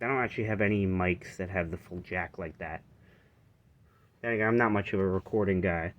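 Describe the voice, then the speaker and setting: Dull audio from a handheld phone captures a man with a lowish voice showing off a vintage reel-to-reel tape recorder. His casual, unscripted commentary rambles and breaks off as he goes.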